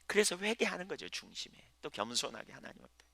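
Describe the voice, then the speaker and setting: Gravelly, bright-toned male pastor preaching. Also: mid-range voice, sing-song, fast, no echo. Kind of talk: sermon.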